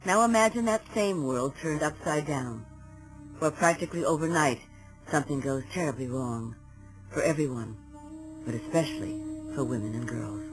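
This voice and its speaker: A narrator reads a documentary script in an emphatic, dramatic way. The voice sits at a middle pitch. Soft music plays underneath. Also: normal speed, low-quality recording.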